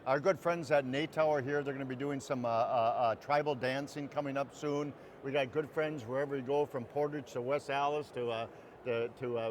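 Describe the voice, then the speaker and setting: A man's voice: medium pitch, a little hiss or hum. A man from Wisconsin hosting a cooking show in a big indoor station hall, chatty and eager, often stumbling over repeated words.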